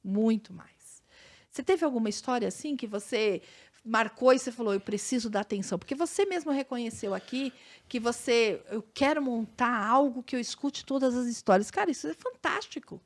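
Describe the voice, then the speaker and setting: High-voiced woman hosting a podcast. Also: animated, a little fast. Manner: earnest, speaks about listening and leadership. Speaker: podcast host. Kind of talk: reflective podcast talk.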